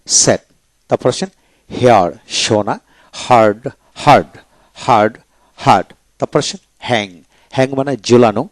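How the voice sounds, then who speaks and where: A man from Bangladesh teaching English pronunciation in a video lecture, repeating each word slowly several times. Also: medium pitch, darkish tone, no room sound.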